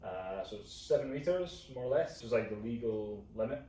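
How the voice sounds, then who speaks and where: A young Scottish man co-hosts a couple's vlog, chatting casually and informally and thinking aloud as he explains things. His mid-range voice is warm, animated and brisk. The mic sits at a distance in an echoey room, with faint noise.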